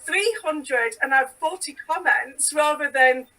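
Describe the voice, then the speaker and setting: A chatty woman from the United Kingdom with a high, bright voice, speaking as a guest on a podcast. She keeps dropping "like" between her words. She sits a little back from the mic, so she sounds slightly distant. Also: slow pace. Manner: chatty, full of "like" fillers. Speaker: podcast guest, sewing educator. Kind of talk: casual chat.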